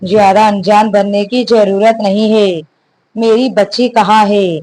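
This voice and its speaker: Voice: medium pitch, fairly even intonation, measured pace, a little mellow, lightly acted, low-quality recording. A narrator voicing Samrat, a stern, furious young husband. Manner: stern, stresses each word. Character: furious young husband confronting his father.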